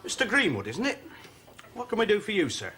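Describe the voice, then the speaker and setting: A man's voice: high voice, huge pitch swings, a little fast, pushed and bright, slightly rough, heavily acted. An actor playing a dry, brusque male police sergeant in a British TV police drama.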